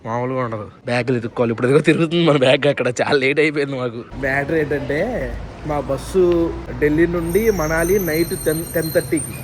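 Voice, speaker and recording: A man's voice: a little high, fairly even intonation, quick pace. A young man vlogging his trip, chatting casually and teasing his friends, filmed on a handheld phone. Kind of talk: casual travel vlog chat. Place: outdoors and in transit, airport and streets. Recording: noisy street and traffic sound.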